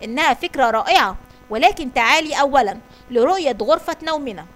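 A woman reading the lines of a thoughtful, quiet twelve-year-old girl in a storybook, soft and polite. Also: high-pitched, lively intonation, fast, soft background music. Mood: gentle.

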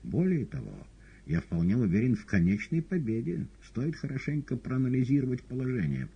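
A man's voice: mid-range voice, big pitch swings, fairly quick, warm tone, slight background noise, pitched above the performer's own voice. A man voicing a sly, pompous talking cat who argues in long mock-polite phrases. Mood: feigned alarm. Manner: wordy, mock-polite, whining. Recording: dull lo-fi audiobook recording.

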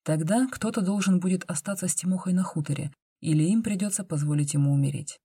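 Low, husky woman reading an audiobook. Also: fast, mellow, dry recording. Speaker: narrator.

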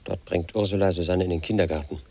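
The lead actor in a radio play speaks a first-person monologue as a 38-year-old loner, lonely and paranoid. His deep male voice is gravelly, dark, fast and steady, and his brooding, confiding manner is pedantic, preoccupied with statistics and codes.

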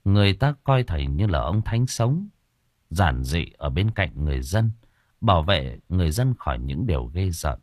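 A man narrating a folk story for an audiobook in an expressive, dramatic manner, recorded close to the mic. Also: sits low, normal speed, dry recording.

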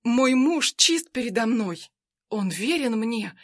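A woman narrating a novel in the first person in a steady, lightly dramatic reading style. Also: fairly high pitch, slow pace, no echo, studio quality. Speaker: audiobook narrator.

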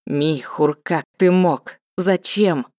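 A woman's voice: fairly low pitch, unhurried, dark tone, dry recording, studio quality, lightly acted. A woman reading an audiobook voices a proud captive queen mother of a cat-folk clan, pleading and furious in a raised voice. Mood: distraught.

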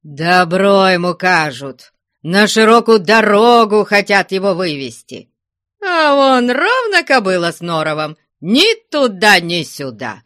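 A man voicing a gruff, bossy old merchant. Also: a little high, takes it slowly, dry recording, studio quality. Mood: angry. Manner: shouting, scolding.

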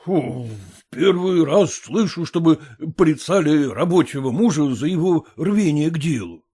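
A woman's voice: deep voice, lively intonation, unhurried, mellow, breathy edge, full character voice. A woman voicing a bewildered merchant husband in a storybook reading, pleading and flustered. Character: bewildered middle-aged merchant husband, meek.

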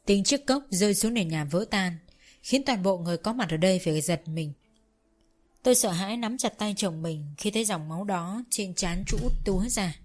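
A woman narrating a first-person story in an even, storytelling manner. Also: mid-range voice, normal speed, faint music behind.

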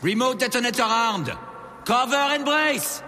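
A loud French explosives man. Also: very high voice, a little slow, long reverb tail, slight background noise, exaggerated voice. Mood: urgent. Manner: shouting orders. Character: brash male French heist explosives man. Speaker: demolitions expert. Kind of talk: video game acting.

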